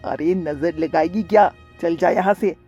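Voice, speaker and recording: A woman's voice: on the low side, unhurried, dark tone, husky, muffled recording, faint music behind, pitched below the performer's own voice. Woman doing a cruel scolding stepmother bird. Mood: harsh. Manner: scolding, harsh. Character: cruel harsh stepmother bird, female, middle-aged.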